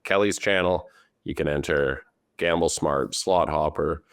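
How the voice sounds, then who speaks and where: A man's voice: very deep voice, measured pace, a bit bright, dry recording, studio quality. A man hosting a podcast, upbeat and enthusiastic while interviewing a guest. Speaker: podcast host.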